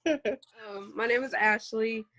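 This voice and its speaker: Bright, animated woman in her thirties. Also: a little high, slow, highs cut off. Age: 30s. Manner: animated, laughs and quotes people. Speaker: guest. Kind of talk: casual chat.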